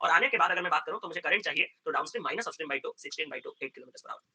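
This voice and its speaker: A man teaching math in a lively exam-prep class, acting out exchanges with students and mixing English terms into Hindi. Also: on the high side, racing. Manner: animated, acts out student dialogues, mixes English terms into Hindi. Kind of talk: live online exam-prep lesson.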